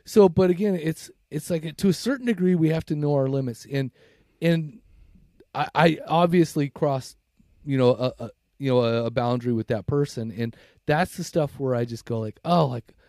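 A man co-hosting a podcast, telling stories in a casual chat full of swearing and animated retellings. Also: fairly high pitch, moderate pace, dry recording, studio quality. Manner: swears constantly, animated storytelling. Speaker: podcast co-host.

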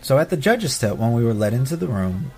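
A man's voice: mid-range voice, big pitch swings, brisk, darkish tone, faint music behind. A middle-aged man telling personal stories as an audio host, in a casual, sentimental way. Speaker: podcast host narrating family trip memories.

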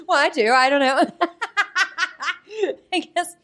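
A woman co-hosting a casual podcast, reacting quickly and joking about the movie. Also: very high-pitched. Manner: lively banter, quick reactions and jokes. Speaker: podcast co-host. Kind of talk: casual movie review chat.

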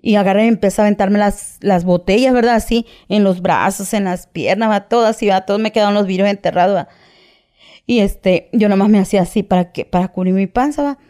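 This woman shares her personal testimony in an interview, sounding casual and halting as she restarts phrases and ends them with "¿verdad?" or "¿va?". Her voice has a dark, mellow quality at a middle pitch.

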